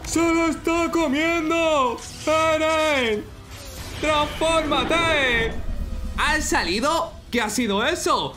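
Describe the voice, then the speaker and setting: A young man with a strikingly high voice and an accent from Spain reacts on camera as an excitable anime fan. His commentary is exclamatory and comes at an unhurried pace, with prominent music playing behind him. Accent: Spanish from Spain. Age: young adult. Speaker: reaction video host.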